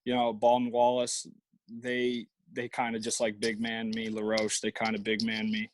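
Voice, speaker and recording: A man's voice: on the low side, monotone, normal speed, no room sound, low-quality recording. Young man in a dry, rambling interview. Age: young adult. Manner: rambling, lots of fillers and restarts. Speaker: guest, college baseball player. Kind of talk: casual interview.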